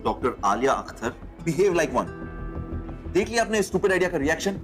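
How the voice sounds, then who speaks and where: An actor playing a hospital doctor who is sarcastic and commanding, in a TV drama. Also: male voice, a little high, big pitch swings, moderate pace, over music. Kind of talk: TV drama acting. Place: hospital set.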